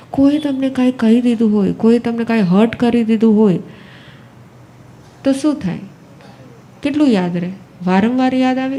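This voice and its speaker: A woman's voice: high voice, mellow, slight background noise. Gujarati-accented woman giving a spiritual discourse. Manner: repetitive, asks the audience questions. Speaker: Jain nun giving a discourse. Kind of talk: spiritual discourse to a live audience.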